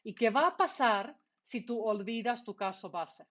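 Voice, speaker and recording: On the high side and fairly bright, the Finnish-born lecturer's voice keeps a measured pace through her online coding lesson. She explains each step in turn, raising questions and answering them herself.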